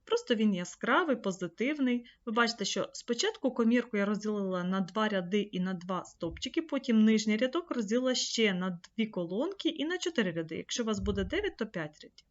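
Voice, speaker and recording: A woman's voice: medium pitch, animated, brisk, few pauses. A woman trainer teaching an online course, explaining a screen-share tutorial step by step and addressing viewers directly. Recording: slightly dull lo-fi mic.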